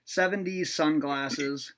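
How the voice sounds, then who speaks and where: A man hosts a casual sports podcast, ribbing his guests between ums. His voice sits slightly high with a bright edge. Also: slow. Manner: teasing, loose, lots of ums. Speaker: podcast host.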